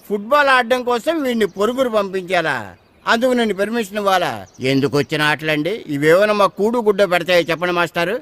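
A man's voice: sits high, fast talker, fairly bright tone, soft background music. An actor playing a stubborn village father who turns down the teacher with indignant, dismissive talk.

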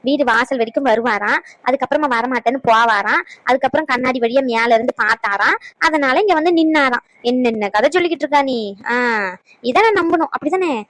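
A woman voices a sarcastic old grandmother in a cartoon, scolding her grandson fast in a high, slightly bright voice. The low-quality recording is dry and close, with no echo.

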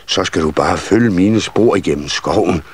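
A man's voice: deep voice, a little mellow, slightly rough. A man reading a children's story and voicing a jolly, coaxing Father Christmas.

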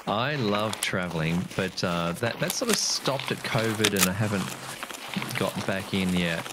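An Australian man co-playing a shooter game on stream, easygoing and halting, with fillers. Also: on the low side, expressive. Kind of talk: casual gaming chat. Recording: loud game noise behind.

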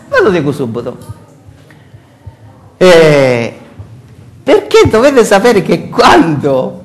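An older man with a Sicilian Italian accent preaches to his congregation, his voice rising high and swinging widely in pitch. He speaks slowly and deliberately, throwing out rhetorical questions. He is picked up from across a church hall by a distant camera. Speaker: pastor. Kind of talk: sermon. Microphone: far camera.

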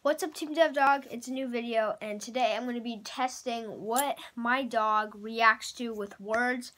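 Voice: medium pitch, fairly even intonation, measured pace, bright, forceful tone. A child or young teen vlogger talking casually to the camera in a bedroom. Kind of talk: casual vlog talk to camera. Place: small carpeted bedroom, indoors.

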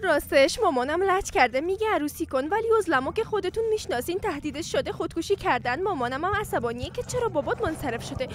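A woman's voice: extremely high pitch, few pauses, a little hiss or hum. A woman voicing a chatty young woman friend in a dubbed drama. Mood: confiding. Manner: lively, talkative. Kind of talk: Persian drama dubbing.

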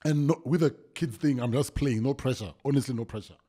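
A man's voice: medium pitch, brisk, dark tone, slightly rough. A man hosting a podcast, chatting in a teasing way and mixing English with local languages. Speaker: podcast host. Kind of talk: casual podcast chat.

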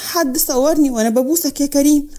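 A woman's voice: high voice, quick pace, mellow, lightly acted. A woman playing a frightened pleading young woman. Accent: Egyptian Arabic. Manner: pleading, tense.

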